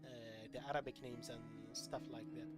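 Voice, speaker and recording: With game music playing behind him, an Iraqi streamer narrates his gameplay live in a meandering, filler-heavy, hesitant way. His medium-pitched voice is flat and fairly quick.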